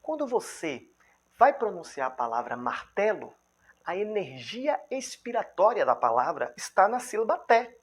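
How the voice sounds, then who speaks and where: This man's voice sits high with a slightly rough texture, and he speaks with a Brazilian Portuguese accent. He teaches a grammar lesson in a lively way, constantly checking in with the viewer. Example words get spelled out slowly, syllable by syllable.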